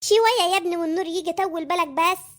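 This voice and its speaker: A woman voicing a gossipy, sharp-tongued mother in an Egyptian cartoon, with an Egyptian Arabic accent. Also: very high voice, rapid-fire.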